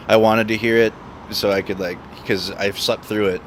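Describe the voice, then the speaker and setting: Man, fairly low pitch, casual livestream host, repetitive emphatic phrasing, light urban traffic in background. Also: flat delivery, moderate pace. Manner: repeats words and phrases for emphasis. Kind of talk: casual live stream chat. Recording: noisy outdoor city street with traffic.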